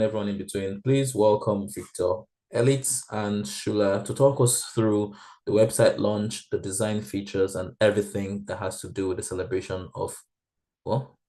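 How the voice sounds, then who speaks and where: A man's voice: on the low side, steady tone, moderate pace, mellow. A man rehearsing as host of an online event, hesitant and checking details. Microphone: video call.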